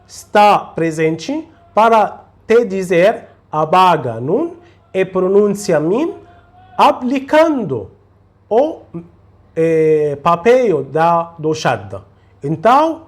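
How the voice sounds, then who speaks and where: A man teaching Quran recitation in a slow tutorial, patiently repeating syllables for the learner to follow. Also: high-pitched.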